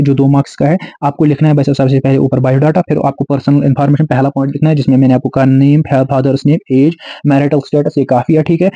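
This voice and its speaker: A young man teaching exam writing skills, constantly checking in with his students and slowing down to dictate English phrases. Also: medium pitch, warm tone, husky, no room sound. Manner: repeats "theek hai" and "bhai sahab", slows down to dictate English phrases. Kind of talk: exam-prep lecture. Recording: dull lo-fi dry sound.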